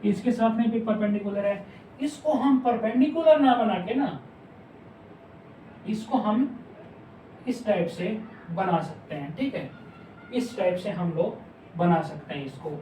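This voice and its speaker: A man teaching shorthand, slowly repeating each word and asking his class questions. His voice is mellow and sounds a little distant in an echoey room, with a faint hum of ambience behind him. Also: high-pitched. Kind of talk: explaining step by step. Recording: echoey room, mic some way off.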